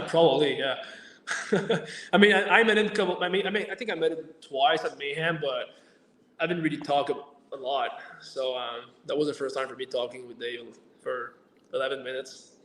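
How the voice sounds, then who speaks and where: A man being interviewed as an athlete guest, talking haltingly with many fillers, restarts and uneven grammar. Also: mid-range voice, steady tone, fairly bright tone. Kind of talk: remote interview chat. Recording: echoey room, far from mic.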